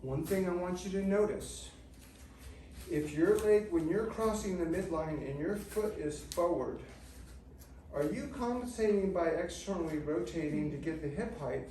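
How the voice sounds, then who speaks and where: A middle-aged man with a slightly high voice instructs a movement class step by step in measured, technical phrases. He is far from the mic in a very echoey room. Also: mellow, slight background noise. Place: large indoor studio with treatment tables. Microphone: far camera microphone.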